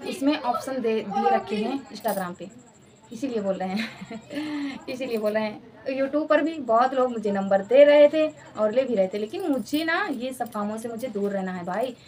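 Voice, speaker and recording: A woman's voice: fairly high pitch, expressive, moderate pace, a little mellow. A woman in her thirties chatting casually in a home vlog, repeating herself and laughing often. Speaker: vlogger.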